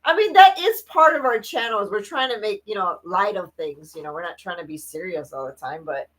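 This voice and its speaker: A woman co-hosting a casual chat, animated and teasing, who laughs often. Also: medium pitch, a little fast, poor audio. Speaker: co-host.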